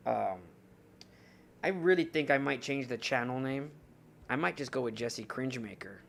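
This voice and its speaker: Gravelly young man chatting on stream. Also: mid-range voice, normal speed, a little hiss or hum. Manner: rambling, chatty, talks to chat while browsing. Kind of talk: casual live-stream chat.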